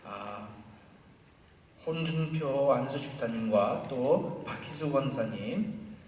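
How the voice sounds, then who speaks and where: A male pastor addressing his congregation during a church service, with halting pauses and swells from quiet to loud. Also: mid-range voice, animated. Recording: very echoey hall, distant, noisy congregation behind.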